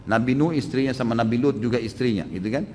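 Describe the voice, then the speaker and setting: A man preaching and answering audience questions in a religious lecture. He talks in an animated, emphatic way and jumps sharply upward to stress his rulings. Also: mid-range voice, fast, in a large hall, a little hiss or hum.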